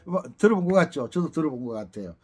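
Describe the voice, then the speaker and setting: Chatty Gyeongsang man teaching, lively pitch. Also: quick pace, husky, faint music behind. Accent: Gyeongsang Korean. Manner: chatty, rambling, teasing asides. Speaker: accordion teacher. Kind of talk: casual lesson talk.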